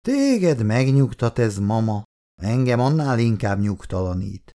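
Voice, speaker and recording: A man's voice: mid-range voice, very animated, mellow. A man doing a grumbling old husband. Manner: grumbling, dry humor. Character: wry, grumbling older working-class husband.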